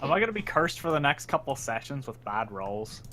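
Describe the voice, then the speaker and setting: A man's voice: mid-range voice, very animated, fairly quick, sharp tone. A man chatting casually as a player in a tabletop game.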